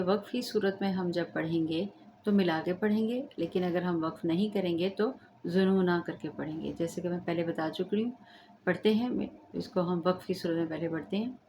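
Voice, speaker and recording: Her voice is fairly low and a little mellow as she patiently explains Quran recitation rules step by step, chanting and checking her students' understanding in a slow tajweed lesson. Slight background noise is present.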